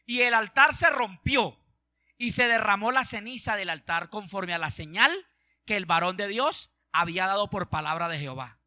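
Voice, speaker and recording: High, sharp-voiced preacher. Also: male voice, moderate pace, no room sound. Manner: call-and-response preaching, emphatic. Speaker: pastor. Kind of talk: sermon.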